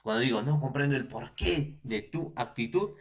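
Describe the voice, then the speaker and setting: A male teacher with a Peruvian accent explains a grammar point to his students at an ordinary, middle pitch. He talks in a repetitive, patient way, often pausing to ask whether they are following. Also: expressive. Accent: Peruvian Spanish. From Peru. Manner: repetitive, often checks in with "¿no?" and "entonces"; addresses students directly as "jóvenes". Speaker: language teacher. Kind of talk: recorded classroom lesson.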